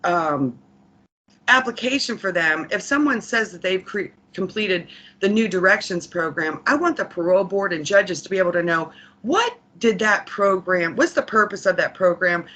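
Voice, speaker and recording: A woman serving as a corrections program official presents an earnest report to a committee. Her medium-pitched, slightly bright voice is expressive and moves at a moderate pace. She sounds reflective and emphatic, repeating phrases to drive points home.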